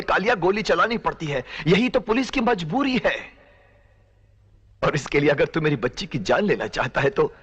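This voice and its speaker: A stern husky police officer. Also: male voice, high voice, a bit bright, heavily acted. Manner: firm, lecturing. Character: stern middle-aged male police officer, firm and pleading. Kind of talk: Bollywood melodrama acting. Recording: film soundtrack with music.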